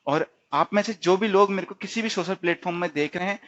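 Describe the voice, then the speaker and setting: A fast-talking man with a high, slightly bright voice teaches stenography in a recorded tutorial. Frequent "theek hai" punctuates his habit of repeating words and quizzing himself, and the recording sounds dull and lo-fi.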